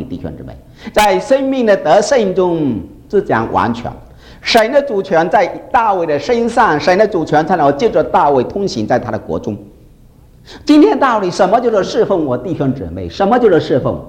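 Animated sermon preacher, lively swooping pitch, emphatic, constant rhetorical questions. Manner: keeps asking the congregation rhetorical questions.

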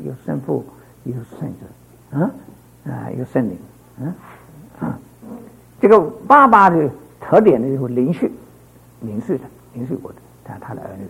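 An older man from Fuzhou delivers a sermon, his rambling stories drifting into quiet endings. His voice is rough and gravelly, with a heavily husky edge, and it sits a little high for a man. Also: poor audio. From Fuzhou, China. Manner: storytelling, rambling, trailing off softly at phrase ends. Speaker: preacher.

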